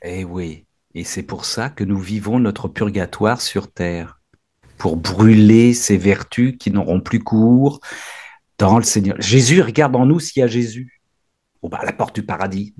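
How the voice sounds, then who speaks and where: A man leads a spiritual reading group with a husky, breathy edge to his voice. He is effusive, bursting into exclamations. His sentences often stumble and restart. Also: on the low side, a little slow, dark tone. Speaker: prayer group leader.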